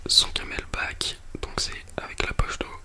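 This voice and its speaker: A person speaking in a soft, breathy library whisper, presenting a book and film as an ASMR host close to a binaural microphone. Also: measured pace.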